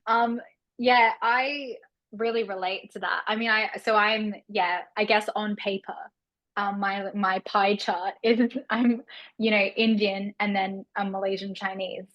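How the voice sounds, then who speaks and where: A woman's voice: medium pitch, fairly even intonation, a little slow, dull audio. A woman, a researcher, talking in a workshop, musing and hesitant, with fillers and restarts. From Australia. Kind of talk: conversational workshop talk.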